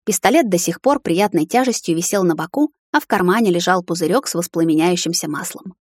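Low-voiced woman narrating an audiobook. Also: dry recording, clean studio sound. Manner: steady, measured storytelling.

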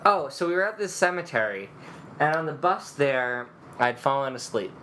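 A man's voice: mid-range voice, expressive, moderate pace, bright, forceful tone, a little hiss or hum. A man hosting a casual podcast chat, rambling and joking as he tells a story. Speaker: podcast host telling a story.

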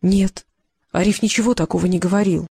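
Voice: medium pitch, steady tone, fairly quick, gravelly, mellow, husky, no echo, studio quality. A reader voicing a cold, composed young widow. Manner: cold and firm.

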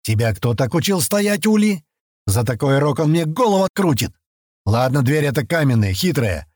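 A man voicing a gruff, burly male warrior bodyguard with a deep voice and a bossy, scolding manner. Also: normal speed, darkish tone, dry recording, clean studio sound.

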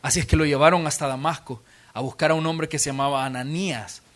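A male pastor, high-voiced, preaching in a church auditorium. He retells scripture vividly and with drama, addressing his congregation directly. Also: fairly even intonation, quick pace, fairly bright tone. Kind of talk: expository sermon.

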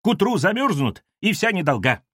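A man voicing a coarse, bossy older woman who manages a building and screeches and scolds in a tearful high voice. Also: big pitch swings, brisk, a bit bright, slightly rough, dry recording, studio quality, exaggerated voice. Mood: tearful scolding.

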